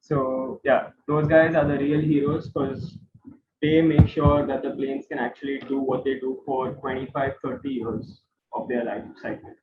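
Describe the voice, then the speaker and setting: Delivering an informal explanatory lecture to students, an Indian-accented male guide repeats phrases for emphasis. His voice is medium-pitched and flat, at a measured pace. The online class audio is noisy, roomy, and tinny, as if from a phone.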